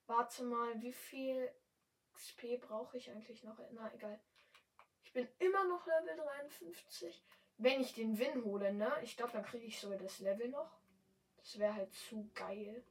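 A young woman speaking standard German, chatting casually and excitably while commentating her gameplay. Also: a little high, measured pace, far from the mic, rough recording. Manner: chatty, excitable, yelps and exclaims often. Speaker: gamer streamer.

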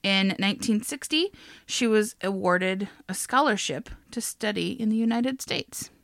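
A woman's voice: mid-range voice, animated, a little slow, a bit bright, dry recording, studio quality. A young woman co-hosting a podcast, casually retelling a life story with frequent laughs and swearing. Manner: laughs often, swears, chatty. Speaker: podcast co-host. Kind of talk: casual chat, telling a biography.

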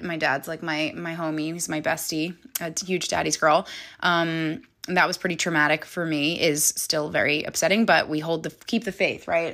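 A woman's voice: low voice, a bit bright. A woman hosting a podcast, telling a personal story in a candid, chatty way with frequent laughs and fillers. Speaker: podcast host.

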